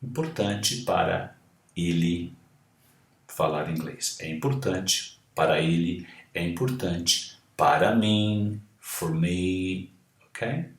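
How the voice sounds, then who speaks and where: Brazilian male English teacher, lowish voice, very slow and deliberate, repeats each word to drill the pronunciation, roomy echo. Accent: Brazilian Portuguese. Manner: repeats and spells out English words, explains in Portuguese. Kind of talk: pronunciation lesson, modelling words slowly. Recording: echoey room.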